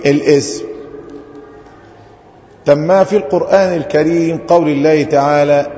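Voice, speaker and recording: A man with an Egyptian Arabic accent teaching a grammar lesson, who keeps asking the class questions, answering them himself and drawing out example phrases slowly. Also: fairly high pitch, fairly even intonation, warm tone. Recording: roomy lo-fi hall recording.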